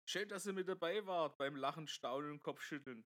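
A man's voice: fairly high pitch, fairly quick, a bit bright. Chatty man laughing at his own jokes. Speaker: podcast host telling jokes. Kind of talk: casual joke-telling monologue. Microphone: headset microphone.

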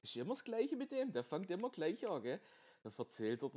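A man telling jokes in a casual podcast monologue, chatty and quick to laugh at his own punchlines, recorded on a headset microphone. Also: sits high, big pitch swings, a little mellow, breathy edge.

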